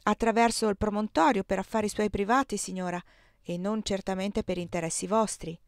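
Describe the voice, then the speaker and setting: A woman reading the part of a cautious older male servant who reasons in a measured way, in a dry close recording. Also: medium pitch, steady tone, dry recording, lightly acted.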